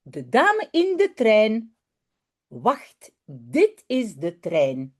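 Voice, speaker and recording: A woman's voice: fairly high pitch, huge pitch swings, drawn-out words, full character voice. A woman voicing a boastful, bossy little boy playing stationmaster in a children's story. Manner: bossy, insistent.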